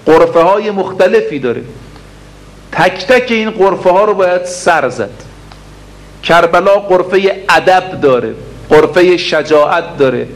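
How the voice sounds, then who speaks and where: Higher-voiced man delivering a sermon. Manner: recites Arabic prayer lines slowly, then explains briskly; addresses the congregation directly with rhetorical questions. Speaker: preacher. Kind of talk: religious sermon.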